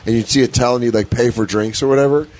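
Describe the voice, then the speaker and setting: A man's voice: medium pitch, steady tone, quick pace, darkish tone. A male podcast host in casual comedy chat, making his point firmly and repeating it. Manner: emphatic, repeats opinions.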